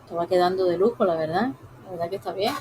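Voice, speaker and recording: A woman teaching a live drawing lesson, talking softly and unhurriedly to viewers as she works. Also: fairly low pitch, slight background noise, low-quality recording. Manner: soft, unhurried, talks while drawing; addresses viewers directly.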